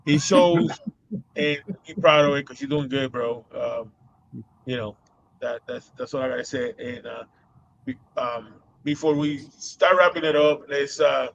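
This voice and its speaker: A man's voice: medium pitch, a little slow, muffled recording. A man with a Boston accent hosting a casual live show, rambling with many fillers and laughing often. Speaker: host.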